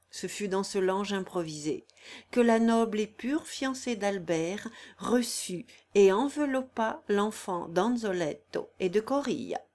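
A woman narrating a classic novel aloud in a measured, expressive storytelling manner. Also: mid-range voice.

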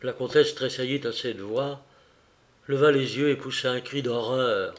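A male audiobook narrator reads a classic novel in a measured, steady voice of medium pitch.

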